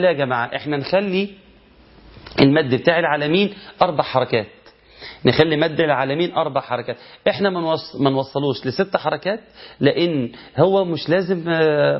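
Egyptian male teacher, fairly high voice, patient explainer of recitation rules, dull lo-fi sound. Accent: Egyptian Arabic. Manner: explains with rhetorical questions, chants verse examples slowly. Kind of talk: tajweed lesson.

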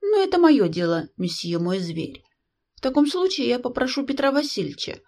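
A woman's voice: sits high, sing-song, normal speed, darkish tone, pitched above the performer's own voice, heavily acted. A woman doing a teasing, imperious young princess.

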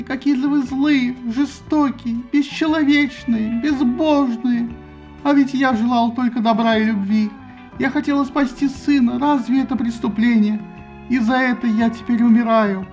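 A man's voice: a little mellow, highs cut off. A man voicing a vain, hysterical goddess who wails and shrieks in exaggerated agony. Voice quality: shrill, wailing. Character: hysterical wailing goddess, woman, vain and dramatic.

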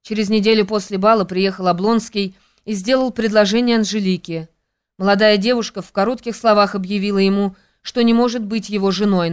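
Woman, audiobook narration, smooth resonant voice, medium pitch, measured. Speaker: audiobook reader.

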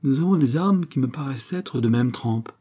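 A proud cavalry colonel speaks bold, courteous words in the middle of a duel, as a male audiobook reader puts him on. The voice is dark and mellow, held at an ordinary middle pitch. It sounds like a period adventure storybook. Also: lively intonation, normal speed, lightly acted. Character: proud Russian cavalry colonel, a gallant duelist.

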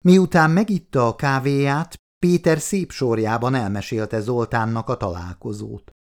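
A male audiobook narrator with a gravelly, rough-edged voice at an ordinary pitch. He reads steadily and matter-of-factly.

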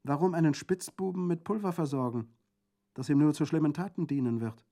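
A man reading the part of a stern young gentleman who lectures and reproaches his sister. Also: on the high side, brisk, voice pushed up, natural voice. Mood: reproachful. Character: stern disapproving young gentleman, her brother.

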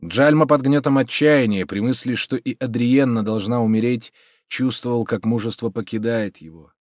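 A man narrating a dramatic novel in a steady way, dropping low for grim passages. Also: normal speed, dry recording, studio quality. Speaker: audiobook narrator.

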